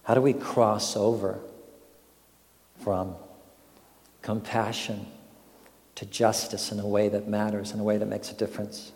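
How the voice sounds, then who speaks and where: Older male pastor, low mellow voice, reverberant hall. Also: little pitch movement, measured pace, long pauses. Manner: reflective storytelling, asks questions. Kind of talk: sermon.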